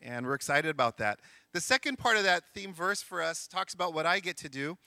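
A middle-aged missionary school counselor who grew up in Sri Lanka, India and Egypt gives an earnest but joking church missions talk, reading scripture aloud. His voice is fairly high, sharp and quick with lively intonation, and the recording is dry.

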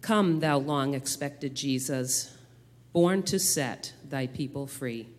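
In a church sanctuary with long hall reverb, a man serving as church elder addresses the congregation with announcements and public prayer. He speaks slowly at a medium pitch.

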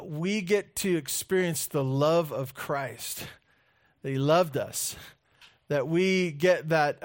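A man preaching a sermon into a pulpit microphone in a church, speaking earnestly and reading scripture aloud. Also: fairly high pitch. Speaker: pastor. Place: church sanctuary.

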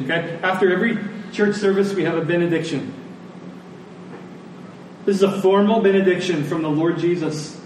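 During a church service in a big, echoing room, a man with a high but darkish voice delivers an emphatic sermon that ends in prayer. He repeats phrases for weight, and the audio is distant, reverberant, and faintly noisy.

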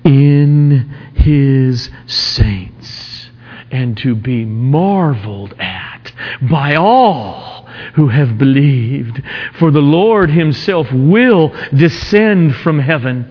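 A man preaching an expository sermon in an emphatic, dramatic manner, with rhetorical questions and swings between hushed and forceful delivery. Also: a little high. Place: large reverberant room. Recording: dull, echoey large hall.

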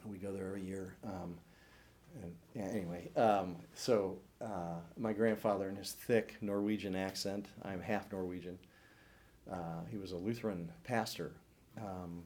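Deep-voiced older man sharing testimony. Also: steady tone, moderate pace, a little mellow. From St. Louis area, United States. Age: 60s. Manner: earnest, reflective storytelling. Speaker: church class speaker. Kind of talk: personal testimony talk.

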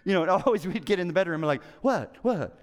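A middle-aged man preaching a conversational sermon as pastor, telling stories animatedly and acting out quotes with sudden jumps in pitch. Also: very fast. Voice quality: hard of hearing.

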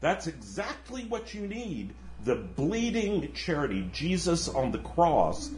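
A man doing a calm, gentle soul in heaven. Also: a little high, slow pace, a little hiss or hum, voice pushed up, heavily acted. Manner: patient, mild, reassuring. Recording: roomy echo.

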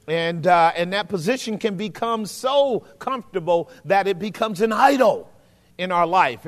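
Guy preaching a sermon in a big echoey cathedral-like hall, voice on the high side, emphatic, keeps asking the listeners questions. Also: a bit bright. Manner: emphatic, deliberate, checks in with listeners using rhetorical questions. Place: large reverberant indoor hall, preaching to congregation. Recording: long echoing reverb of large hall.

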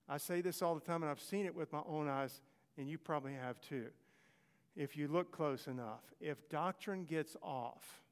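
Male pastor, fairly high voice, earnest repetitive sermon, long church-hall reverb. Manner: earnest, repetitive, conversational preaching. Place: church sanctuary.

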